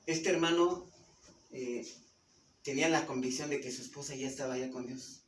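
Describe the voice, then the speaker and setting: A man's voice: medium pitch, moderate pace. A man with a Mexican Spanish accent, preaching as pastor and quizzing his congregation with questions as he teaches. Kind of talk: sermon. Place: church hall. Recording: roomy, distant mic with some noise.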